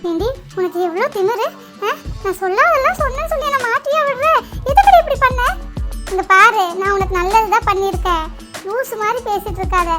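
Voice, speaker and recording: A shrill, very high and bright cartoon voice of a chatty young village woman, played by a woman. She teases and bickers with her family, quick to scold. The tone is sharp and bright throughout. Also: fairly even intonation, soft background music. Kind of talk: animated cartoon dialogue.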